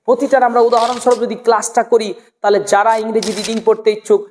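A woman teaching an English pronunciation class, drilling words slowly and repeating each one, asking the viewer questions as she goes. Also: on the high side, darkish tone, in a large hall. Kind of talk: spoken English lesson.

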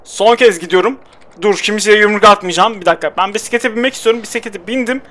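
A man's voice: high-pitched, quick pace, bright, forceful tone, slight background noise. A young man giving casual, exasperated commentary while playing a video game and talking to his character. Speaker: gameplay commentator.

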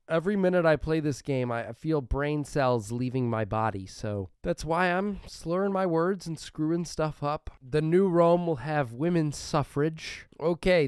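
A man's voice: a little high, clean tone, no room sound, studio quality. A man hosting a strategy game video, narrating his moves with wry, joking asides to the computer opponents. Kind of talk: gameplay commentary.

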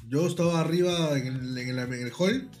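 A man's voice: on the high side, normal speed, darkish tone. A young man, chatting casually as a player in a group online game. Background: game music.

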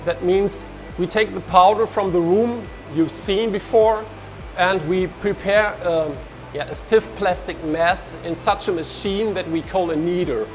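Unhurried and high-pitched, a German man leads a walking tour of his lab in a large indoor industrial hall, soft music playing behind him. Talking into a lapel mic, he gestures as he explains and keeps restarting his phrasing.

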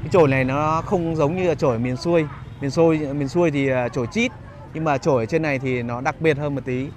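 A man giving a casual walking vlog commentary as a guide, pausing often on fillers as he talks to viewers. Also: on the high side. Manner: hesitant phrasing with frequent filler pauses. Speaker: market vlogger and guide. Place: outdoors in a busy rural street market. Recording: noisy outdoor market street ambience. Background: market bustle and vehicles.

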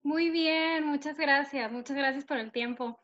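This young singer-songwriter from northern Mexico speaks in a high, somewhat bright voice at a measured pace, with a northern Mexican accent. She's an upbeat, filler-heavy interview guest on a video call, using her laptop camera from a bright room at home. The recording sounds muffled.

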